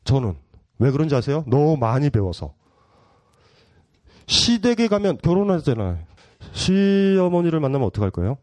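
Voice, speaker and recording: A man's voice: a little high, big pitch swings, moderate pace, long pauses, a little mellow, no room sound. A middle-aged man giving a public philosophy lecture, playful and provocative, often laughing and teasing his audience.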